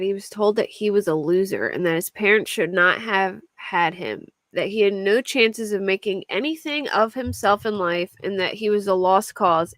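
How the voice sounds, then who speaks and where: On her true crime livestream, a young woman from around Philadelphia reads a crime story in her local accent, breaking off to answer chat and laughing frequently, all in a casual, chatty way. She speaks at medium pitch with a fairly bright tone and no echo.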